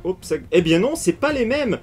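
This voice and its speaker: A man with a slightly raised pitch chats through a card unboxing, casual and excitable. He bursts into eager exclamations as each card appears, while soft music plays faintly underneath. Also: normal speed. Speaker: card collecting YouTuber.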